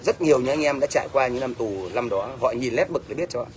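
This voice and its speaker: Mid-range in pitch and fast in delivery, this middle-aged man speaks with a Northern Vietnamese accent. He rants bluntly at someone who commented on his livestream, scolding them and asking "thấy chưa?" again and again. Faint background noise is audible.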